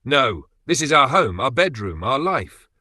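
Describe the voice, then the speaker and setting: A man's voice: mid-range voice, expressive, moderate pace, sharp tone, dry recording, clean studio sound. A man voicing a heartbroken young wife who begs her husband through tears. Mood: begging. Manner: tearful, begging.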